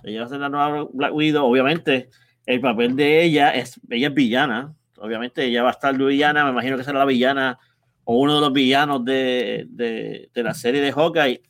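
A man co-hosting a casual film review podcast, excited and laughing often. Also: mid-range voice, fairly quick, dry recording, clean studio sound. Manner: excited, laughs often, drifts into mock English. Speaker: podcast co-host.

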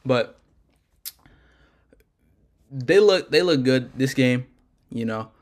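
A man's voice: medium pitch, animated, slow. A man co-hosting a casual sports podcast, rambling and correcting himself as he talks. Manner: loose, rambling, self-correcting. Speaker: podcast co-host.

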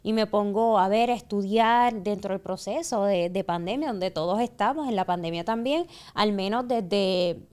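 A woman's voice: mid-range voice, moderate pace, hardly any pauses, a little mellow, clear, resonant tone. A woman psychologist, hosting a podcast conversation and explaining relationships with reflective emphasis.

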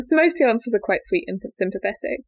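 A young woman co-hosts a casual podcast chat, telling stories, laughing often, and acting out the voices of family members she quotes. Her voice is on the high side, expressive and slightly rough with vocal fry, and she talks a little fast.

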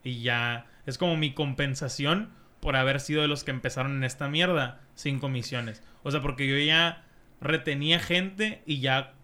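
A man's voice: mid-range voice, moderate pace, bright, forceful tone. A young Mexican man with a Mexican accent, a streamer chatting casually in a rambling, slangy, profane way. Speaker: streamer and podcast host. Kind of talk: casual chat.

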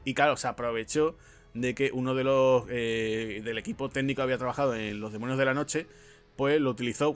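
Chatty man telling film trivia. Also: medium pitch. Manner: chatty storyteller, frequent fillers and asides. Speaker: podcast host. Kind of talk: casual film podcast chat.

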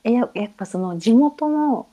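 A woman guest in a casual chat, speaking politely and a little hesitantly, with frequent fillers. Her voice is mellow and slightly husky. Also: fairly high pitch, expressive, moderate pace, poor audio. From Kyushu, outside Hakata.

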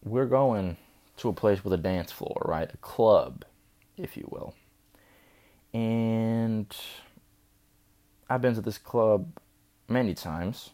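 A drunk young man vlogs a rambling, foul-mouthed story, slurring and chatting loosely. He speaks slowly with long pauses, in a dark voice on the low side.

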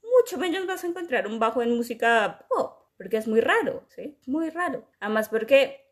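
A woman's voice: a little high, moderate pace. Chatty young woman explaining music. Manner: animated, explains at length, imitates sounds. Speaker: podcast co-host. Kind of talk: casual chat.

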